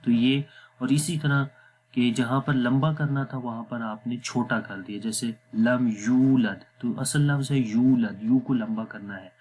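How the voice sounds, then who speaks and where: A man teaching Quran recitation rules in a patient lesson, often checking whether the listener follows and slowing down to sound out Arabic words. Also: medium pitch, steady tone, slight background noise. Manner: patient, repeats "theek hai?" to check understanding. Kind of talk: explanatory lesson.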